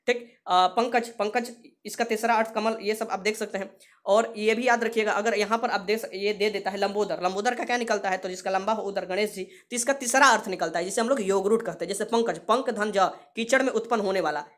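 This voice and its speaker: Brisk woman teaching grammar. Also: mid-range voice. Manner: repeats key terms and asks the class questions; drops English words into the explanation. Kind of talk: exam-prep grammar lesson.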